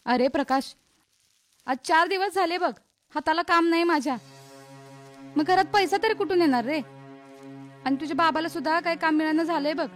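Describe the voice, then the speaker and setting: A woman's voice: extremely high pitch, normal speed, pauses often, faint music behind. An actress playing a worried poor village mother, nagging and anxious. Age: middle-aged.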